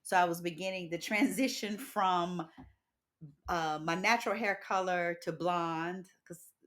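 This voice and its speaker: A woman's voice: lowish voice, fairly even intonation, measured pace, fairly bright tone. A woman in her fifties hosting a podcast interview, talking expressively and emphatically and laughing often. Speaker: podcast host. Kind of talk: casual interview chat.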